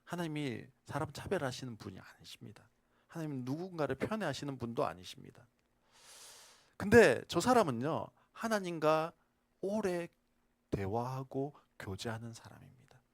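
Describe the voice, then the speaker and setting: A male pastor preaching a sermon, asking the congregation questions and shifting between loud emphasis and soft whispers. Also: on the high side, no echo, studio quality. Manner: animated, swings from loud to whispered.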